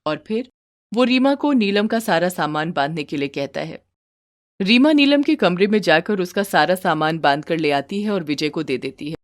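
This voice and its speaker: A woman narrating a moral story for a cartoon in a steady, plain storytelling manner. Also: lowish voice, normal speed, no room sound, clean studio sound.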